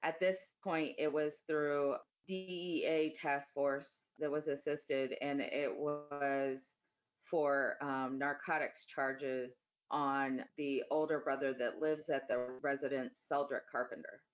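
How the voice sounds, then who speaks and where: Slow-talking woman giving an interview account. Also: deep voice, steady tone, muffled recording.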